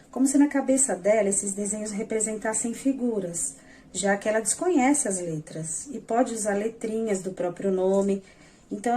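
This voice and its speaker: Woman, teacher, patient step-by-step explanation, warm tone, slightly high pitch. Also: a little hiss or hum. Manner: patient, explains step by step, addresses viewers directly. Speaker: educational psychologist teaching. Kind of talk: explanatory lesson over slides.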